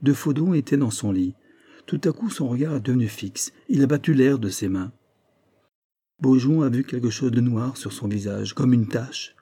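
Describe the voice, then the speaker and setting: A man's voice: mid-range voice, moderate pace, mellow, husky. A man voicing an emphatic male investigator who lays out the truth of a crime, his voice raised and pressing. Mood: triumphant. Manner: emphatic, probing, raised and tense. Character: sharp, insistent male investigator unveiling a crime.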